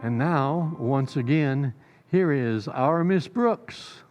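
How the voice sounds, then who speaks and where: A man's voice: medium pitch, animated, slow, a little mellow, soft background music. A man with an American accent announcing and reading commercials in an old-time radio style.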